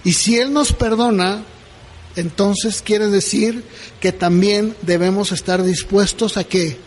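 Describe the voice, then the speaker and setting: A middle-aged pastor preaches with a strikingly high voice. He keeps it conversational and keeps checking that his listeners follow him. His words ring out with the long reverb of a church hall. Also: fairly even intonation, slow. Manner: conversational preaching with frequent "¿verdad?" asides. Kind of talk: sermon.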